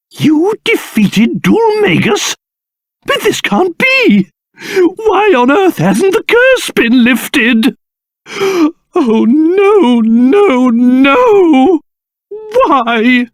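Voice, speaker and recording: A man voicing a pompous, excitable old cursed king in a video game, with a British accent and a theatrical manner that swings between grumbling and shrill outbursts. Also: no echo, clean studio sound, full character voice. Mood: distraught. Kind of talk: video game character voice acting.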